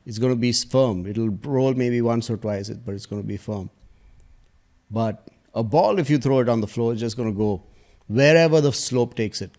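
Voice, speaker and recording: Man, podcast guest, reflective storytelling, hesitant, soft trailing asides. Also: medium pitch, moderate pace. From India.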